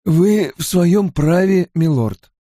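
A man's voice: fairly high pitch, very animated, unhurried, mellow, dry recording, clean studio sound, pitched above the performer's own voice. A man voicing a dutiful, overly formal male servant in an audiobook, deferential and stiff. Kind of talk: audiobook character voice.

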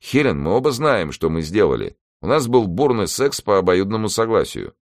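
A flustered, exasperated man, as a narrator voices him, pitched above the reader's deep voice. He speaks in emphatic bursts with a lively swing. The sound is dry and close. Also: normal speed, no room sound. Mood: weary.

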